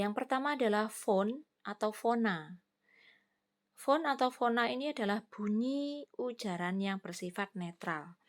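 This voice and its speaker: A woman giving a recorded lecture, explaining patiently with examples and fillers. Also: medium pitch.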